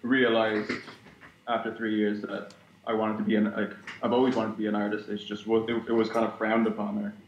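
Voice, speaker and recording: Young guy on a webcam call, lowish flat voice, lots of ums, muffled roomy sound. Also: a little fast. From Ireland. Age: young adult. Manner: hesitant, many restarts and fillers. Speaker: guest concept artist. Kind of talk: casual interview chat. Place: small room at home, indoors. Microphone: video call webcam. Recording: dull roomy webcam audio with faint noise.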